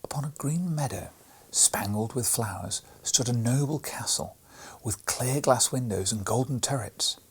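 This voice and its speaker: A man narrates a classic children's story as a bedtime audiobook, reading softly and often in a breathy whisper. His mid-range voice moves at an unhurried pace, with slight background noise.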